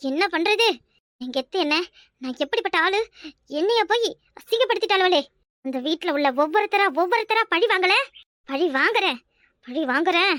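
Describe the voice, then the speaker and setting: A spiteful, scheming village woman, voiced by a woman for a cartoon, vowing revenge in Kanyakumari Tamil. Her voice is very high and shrill. The recording is close and dry. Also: a bit bright, no room sound. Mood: seething. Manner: spiteful, threatening, self-pitying. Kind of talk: cartoon voice acting.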